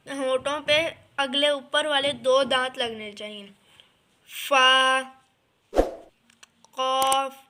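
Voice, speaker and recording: Slow, bright-voiced woman teaching recitation. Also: high-pitched. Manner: patient, repeats each letter and explains pronunciation. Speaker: Quran reading teacher. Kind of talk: slow step-by-step recitation lesson.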